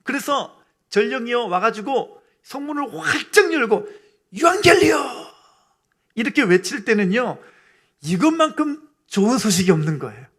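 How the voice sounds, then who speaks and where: Man, pastor, church sermon, high voice, patient explaining, emphatic peaks. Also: very animated, normal speed, a bit bright. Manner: explains patiently, then builds to emphatic exclamations.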